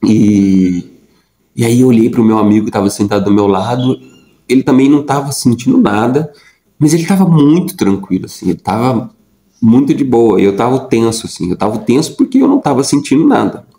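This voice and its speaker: A man's voice: medium pitch, big pitch swings, fairly quick, dark tone, reverberant, low-quality recording. A young adult man telling a personal story in a casual, rambling way, with lots of fillers and repeated words. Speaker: vlogger.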